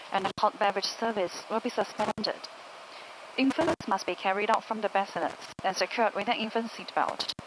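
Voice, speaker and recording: A woman cabin crew member reading a scripted in-flight announcement over an aircraft PA. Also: mid-range voice. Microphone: cabin PA, picked up from speakers. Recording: cabin PA with clear background noise. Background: cabin noise.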